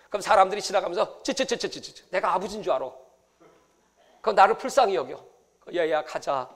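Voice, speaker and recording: High-voiced pastor swinging loud and hushed. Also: male voice. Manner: storytelling, swings from hushed asides to loud exclamations. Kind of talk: sermon.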